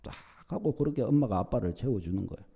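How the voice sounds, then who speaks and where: A middle-aged pastor with a gravelly voice preaches in a church, his pitch rising and dropping all over. He is animated and acts out family exchanges, and his tone is dark and mellow. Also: moderate pace. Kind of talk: sermon. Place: church sanctuary.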